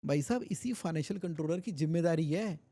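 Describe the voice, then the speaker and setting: Animated man with a mellow voice explaining finance. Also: on the high side, fast. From India. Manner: animated, uses homely examples and repetition. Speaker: guest finance expert. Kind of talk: explanatory podcast interview.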